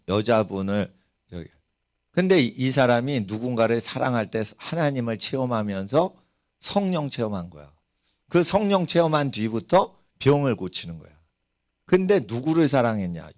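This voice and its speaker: In a church sanctuary, a middle-aged pastor with a medium-pitched voice preaches at a measured pace. He's an animated storyteller who puts rhetorical questions to the congregation.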